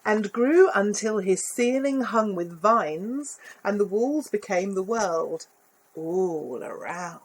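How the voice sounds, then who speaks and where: A woman reading a picture book aloud to children, expressive, with little asides about the pictures. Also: medium pitch, takes it slowly, husky. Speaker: volunteer story reader.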